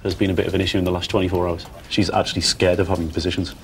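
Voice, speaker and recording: A man's voice: low-pitched, flat delivery, very fast, slight background noise. A man chatting in a blunt, coarse, exasperated way. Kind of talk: casual chat.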